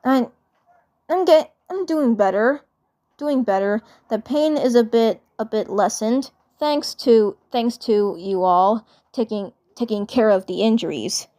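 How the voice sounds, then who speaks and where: A woman as Zim, flustered high-voiced alien invader. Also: a little slow, warm tone, natural voice. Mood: grudging, mumbled. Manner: stammering, grudging, mumbled. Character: arrogant male alien invader, flustered and proud.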